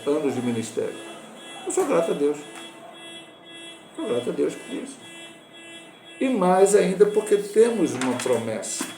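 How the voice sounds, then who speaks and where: A Brazilian pastor in his sixties teaches a Bible lesson in Brazilian Portuguese-accented speech, halting, restarting and correcting himself. His mid-range voice is mellow with vocal fry, and the room is echoey.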